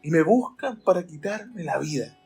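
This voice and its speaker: A man's voice: fairly high pitch, lively intonation, normal speed, creaky, darkish tone, slightly rough, soft background music, voice pushed up, heavily acted. A man voicing a grieving male prophet, his voice choked as if on the edge of tears. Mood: tearful. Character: weary grieving male prophet, tearful and pleading.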